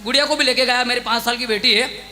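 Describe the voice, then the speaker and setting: Male comic poet, very high-pitched, self-mocking stage storyteller, live hall mic with faint noise. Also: steady tone, quick pace, sharp tone. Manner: jokey, self-mocking, urging the crowd to clap. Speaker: stand-up comedy poet.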